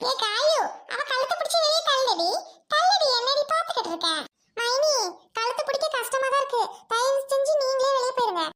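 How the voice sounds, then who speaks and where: Woman playing a shrill, bossy sister-in-law. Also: fairly even intonation, fairly quick, heavy background noise. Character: harsh young sister-in-law, bossy and cruel. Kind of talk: family melodrama skit.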